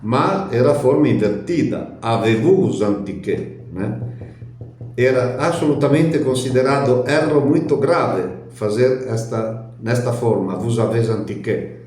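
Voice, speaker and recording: Older guy, unhurried teacher who keeps explaining, very echoey recording. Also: mid-range voice, a little mellow. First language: Italian. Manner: chatty, explains at length, ends points with a questioning tag. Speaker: language teacher. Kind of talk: relaxed spoken lesson. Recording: very echoey room.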